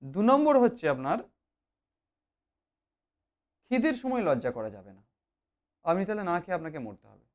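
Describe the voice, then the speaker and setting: An English grammar teacher giving an explanatory online lesson, with many drawn-out fillers and key points repeated. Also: mid-range voice, huge pitch swings.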